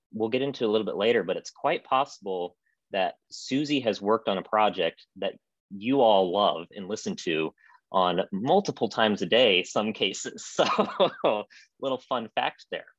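A man's voice: on the low side, lively intonation, normal speed, fairly bright tone, dry recording. A man in his thirties, upbeat and chatty, moderating an online panel from a room at home over a video call with earbuds. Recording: dry, dull video-call audio.

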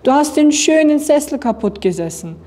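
Young woman playing a little girl, high voice, stubborn, brave, storybook reading. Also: sing-song, moderate pace, dark tone. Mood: scolding. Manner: high, insistent child's voice.

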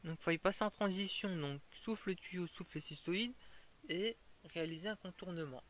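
A man with a slightly higher voice than usual talks through a fire-breathing tutorial. He explains it step by step, casual and informal, often stopping and restarting a sentence. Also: moderate pace, fairly bright tone.

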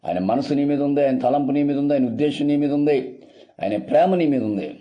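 A man's voice: fairly high pitch, animated, brisk, muffled recording. A male pastor preaching a sermon earnestly, repeating phrases and calling his listeners beloved.

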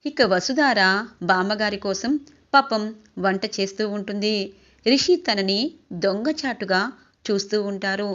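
A woman's voice: medium pitch, measured pace, pauses often. Woman narrating a serial recap, lo-fi. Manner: steady storytelling, reading every character's lines in her own voice. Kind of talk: reading a TV serial recap aloud. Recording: dull lo-fi recording.

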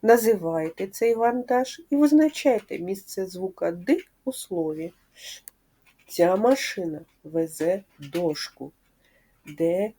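A woman with a lowish voice and dark tone works as a speech therapist, teaching preschoolers in a slow, clear way. She patiently asks them questions and confirms their responses.

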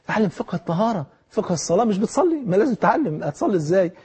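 Rapid exhorting Egyptian preacher in his sixties. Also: high-pitched, sing-song, a little mellow, breathy edge. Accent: Egyptian Arabic. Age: 60s. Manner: urgent, exhorting, talks straight to listeners. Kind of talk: colloquial religious lecture.

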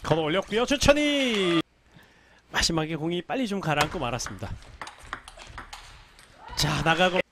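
A man calling a live table tennis match, announcing each point and bursting into excited shouts. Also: fairly high pitch, brisk, long pauses, noisy background. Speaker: play-by-play caster.

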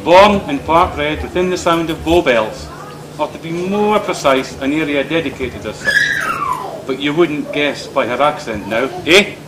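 A man's voice: a little high, moderate pace. A middle-aged man giving a teasing, dryly humorous father-of-the-bride speech at a wedding reception. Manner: teasing, dry humour, anecdotal. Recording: loud crowd noise at a reception.

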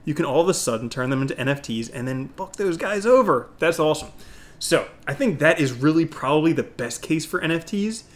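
Middle aged crypto bro guy, voice a bit on the high side, casual salesy youtube commentary. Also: lively intonation, fairly quick. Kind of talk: opinionated crypto video commentary to camera.

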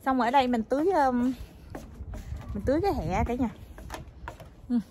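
High-voiced woman vlogging. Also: a little fast, a little mellow, a little hiss or hum. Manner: hesitant, repeats words while searching for them. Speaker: family vlogger. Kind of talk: casual vlog narration to viewers. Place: home garden outdoors, then kitchen.

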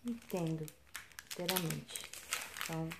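A Brazilian-accented mother records a casual home vlog in a room at night, teasing her son in a playful way and calling out to her viewers. She has a deep voice and talks a little slowly over background noise.

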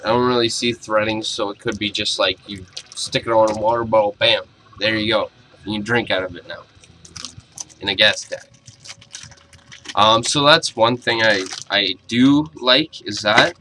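Bright-voiced young man, casual and blunt. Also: fairly low pitch, steady tone, moderate pace, a little hiss or hum, low-quality recording. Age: young adult. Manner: blunt, informal, swearing. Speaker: reviewer. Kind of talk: casual video review. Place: small cluttered bedroom, indoors.

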